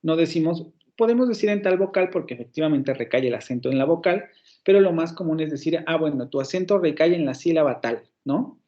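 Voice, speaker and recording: A man's voice: fairly high pitch, expressive, brisk, warm tone, muffled recording. A man with a Mexican Spanish accent giving an online university phonetics lecture, explaining step by step with fillers and self-corrections.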